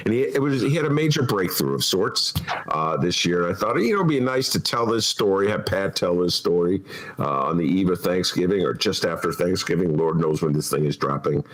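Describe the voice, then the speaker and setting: A man's voice: low-pitched, low-quality recording. A man hosting a casual podcast, joking and chatting while eating. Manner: animated, jokey, chatty with food asides. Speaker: host.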